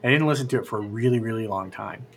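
A man's voice: on the low side, very fast, vocal fry. A man hosting a podcast in casual chat, telling stories with frequent restarts. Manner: animated storyteller, frequent restarts. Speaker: podcast host.

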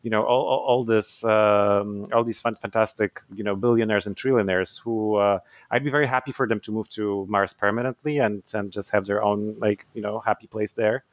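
A man's voice: on the low side, steady tone, normal speed, dry recording. A man, an author giving thoughtful interview answers, hesitant with many fillers and restarts. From Poland. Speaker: author guest.

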